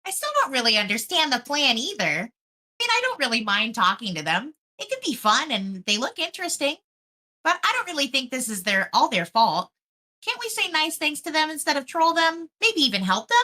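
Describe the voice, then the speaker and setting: A happy-go-lucky valley girl troll princess, acted out by a woman, airy and bright in tone. The delivery swings brightly up and down, sweet-tempered in an amateur comic dub. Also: high-pitched, sing-song, a little fast, voice pushed up, exaggerated voice. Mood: airy, gently pleading. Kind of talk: amateur group dub of a comic chat log.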